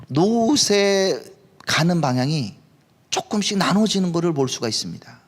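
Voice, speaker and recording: A male pastor preaching at a live worship service, with a high voice that swings widely in pitch. He talks in a conversational way and keeps asking his listeners questions. His delivery is lively and expressive. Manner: conversational, asks the congregation questions. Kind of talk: sermon.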